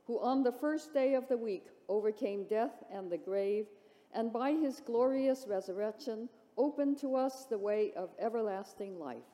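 Mellow woman reciting liturgy in cathedral echo. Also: a little high. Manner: measured, reverent phrasing. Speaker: priest celebrant leading a Eucharist liturgy. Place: large church, indoors. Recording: long cathedral echo, large reverberant church.

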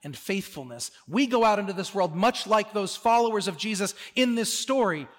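A man preaching a sermon as pastor, earnest, moving between soft, slow stillness and loud, insistent emphasis. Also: high-pitched, animated, big-room sound.

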